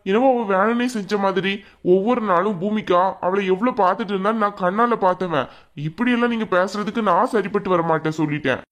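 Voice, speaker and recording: A man's voice: high-pitched, fast talker, a bit bright. A man voicing an earnest young husband in a cartoon drama, pleading and indignant by turns. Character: young husband defending his wife, earnest. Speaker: cartoon voice actor. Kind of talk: Tamil cartoon drama dialogue.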